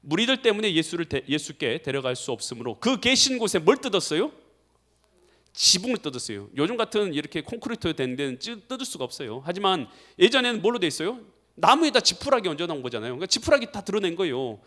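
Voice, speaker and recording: A man preaching a sermon as pastor, emphatic and full of rhetorical questions to the congregation, crying out loudly when acting out pleas. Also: high voice, big pitch swings, fast.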